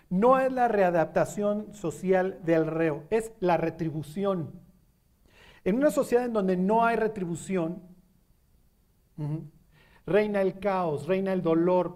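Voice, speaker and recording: High-voiced Mexican preacher. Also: male voice, a little mellow. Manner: conversational, asks the audience questions. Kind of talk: sermon.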